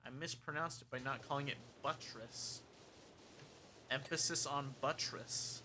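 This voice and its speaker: A man's voice: medium pitch, fairly even intonation, fast talker, background noise. A young man streaming a game and chatting casually, rambling frankly through his opinions.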